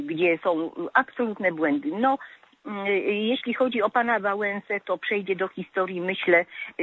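Phoning in to a radio program, a woman with a fairly low, husky voice lectures listeners on speaking correctly. The telephone line sounds tinny, and her talk is full of hesitant fillers.

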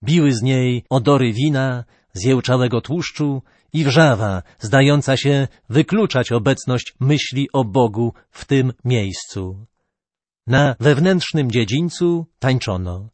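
A man narrating an old legend slowly and deliberately, his pitch rising and falling with the story. The recording is dry and close, with no room sound. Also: no room sound. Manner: measured, expressive storytelling. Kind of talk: storybook reading.

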